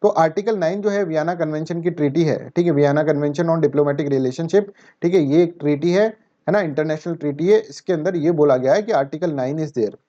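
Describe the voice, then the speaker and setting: A man's voice: fairly high pitch, brisk, mellow. A man teaching an exam-prep lecture in a chatty way, asking and answering his own questions. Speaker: current affairs teacher. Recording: dull lo-fi sound.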